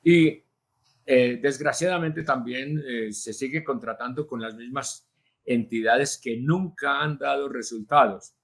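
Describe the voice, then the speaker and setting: A man, a linguist answering interview questions in a measured, teacherly way, with frequent hesitations. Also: mid-range voice. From Colombia. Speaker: linguist and journalist, interview guest.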